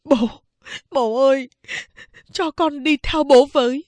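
Tearful little boy, high and pleading, a woman voicing him. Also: slow pace, darkish tone, no room sound. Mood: begging. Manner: crying, begging. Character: young boy, tearful and clinging to his father. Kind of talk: audiobook character reading.

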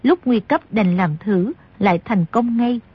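A woman reading scripted narration as an audiobook narrator, telling the story at a steady pace, in a slightly dull recording. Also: medium pitch, a little slow, breathy edge.

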